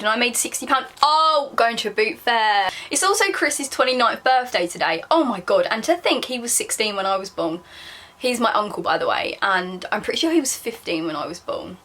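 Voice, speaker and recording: A young adult woman, a vlogger with a southern English accent, reads her diary aloud in a casual way. Her voice is a little high with a sharp tone, and she sounds embarrassed and self-mocking, often stopping for chatty asides.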